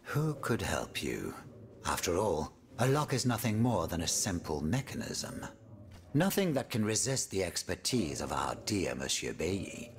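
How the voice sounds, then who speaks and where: In a video game cutscene, a male actor with a low voice and big pitch swings plays a pompous, silky statesman and schemer. He speaks a little slowly, in a theatrical, florid, courtly style, sounding suave and wry.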